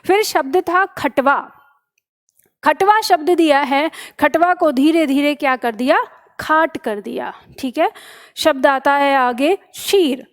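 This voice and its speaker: A woman's voice: high voice, slow pace. A young woman teaching an online exam-prep lesson, explaining step by step and repeating each answer back as a question. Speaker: Hindi teacher.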